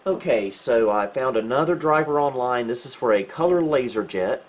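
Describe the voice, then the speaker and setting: Hosting a retro computing video from a small home room, a man muses wryly and casually through tech troubleshooting. His voice sits at medium pitch, with lively intonation and normal speed.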